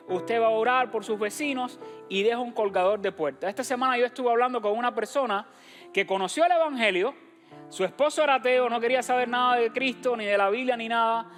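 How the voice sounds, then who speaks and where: A man's voice: very high-pitched, a bit bright. A man from Cuba, a pastor giving church announcements and direct, encouraging appeals to his congregation. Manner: direct and encouraging, addresses the congregation as brothers and sisters. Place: church sanctuary.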